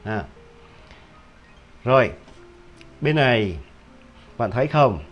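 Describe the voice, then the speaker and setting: A man teaching English pronunciation, repeating each word several times and often stopping to check with a quick question. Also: mid-range voice, animated, lo-fi sound, faint music behind. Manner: drills words by repetition, with frequent rhetorical "hả?" checks. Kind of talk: video pronunciation lesson.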